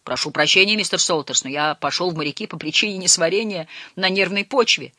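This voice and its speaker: A reader voicing a scrawny, meek fisherman who speaks quietly and timidly. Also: mid-range voice, a little fast, no echo, studio quality.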